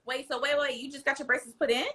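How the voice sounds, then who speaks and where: A woman's voice: high-pitched, steady tone, fast talker, pushed and bright. An American woman hosting a casual live interview with slangy, effusive hype. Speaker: host.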